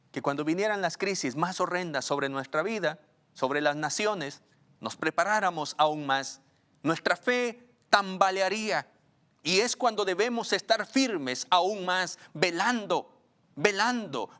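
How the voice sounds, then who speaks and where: A male pastor preaching a sermon, rising on questions and slowing down to read scripture. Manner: preaching, swells loud and high on questions, slows for scripture.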